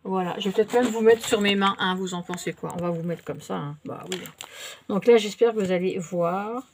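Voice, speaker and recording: A woman's voice: mid-range voice, brisk, a little hiss or hum. A French-speaking woman chatting casually to her viewers while showing a shopping haul, with many fillers and little hesitations. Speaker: haul vlogger. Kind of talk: casual show-and-tell haul.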